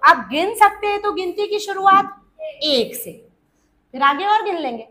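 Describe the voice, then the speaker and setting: A woman teaches an English grammar class in a very high voice. She speaks slowly and deliberately, going over each point again and again. She keeps asking her students questions and calls them child. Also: expressive, pushed and bright.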